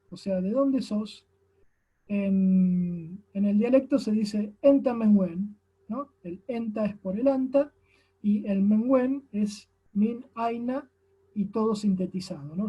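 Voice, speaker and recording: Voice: mid-range voice, slightly rough, lo-fi sound. A teacher with an Argentine accent giving a recorded class lecture, explaining step by step and often tagging sentences with a questioning "no?". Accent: Argentine Spanish. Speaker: language teacher.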